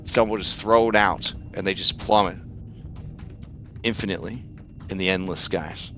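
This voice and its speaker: A man's voice: low-pitched, steady tone, normal speed, bright, forceful tone, faint music behind. A man running a tabletop game as game master, narrating casually with rambling, joking, sometimes profane asides.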